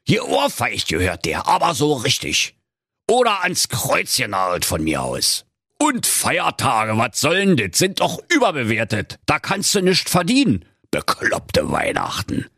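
A man's voice: mid-range voice, wildly swooping pitch, a little slow, vocal fry, sharp tone, breathy edge, dry recording, studio quality, pitched above the performer's own voice, full character voice. A man voicing a cantankerous stingy old male miser with a Berlin accent, grumbling and scolding.

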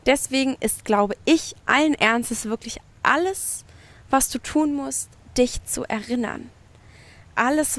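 A woman hosting her own podcast, giving an effusive spiritual pep talk, swearing casually and mixing in English phrases. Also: on the high side. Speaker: podcast host. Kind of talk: spiritual motivational monologue. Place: outdoors by the sea at night.

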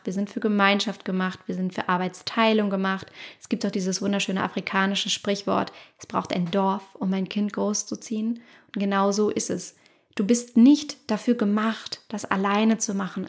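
A woman in her thirties hosting a motivational podcast, talking straight to the listener, acting out inner voices and asking many rhetorical questions. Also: medium pitch. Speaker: podcast host and life coach.

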